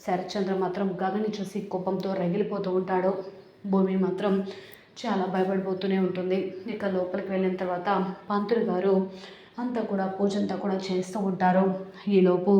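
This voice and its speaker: A woman retelling a TV serial episode in a steady storytelling manner, reading the characters' lines in her own voice. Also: mid-range voice, normal speed. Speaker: serial recap narrator. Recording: roomy echo.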